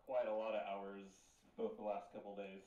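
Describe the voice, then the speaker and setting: A man's voice: on the low side, level tone, moderate pace. A man calling in over voice chat as a guest player, talking casually in a laid-back, slightly hesitant way. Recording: dull, distant voice-chat audio with echo.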